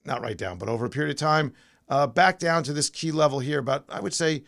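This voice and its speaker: A man's voice: a little high, vocal fry, fairly bright tone. A man hosting a pre-market stock show, casually talking through charts and thinking aloud with fillers and restarts.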